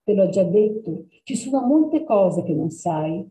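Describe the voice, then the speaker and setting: A woman's voice: medium pitch, big pitch swings, a little slow, roomy sound, poor audio. A woman doing a sly, secretive talking cat. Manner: teasing, hushed.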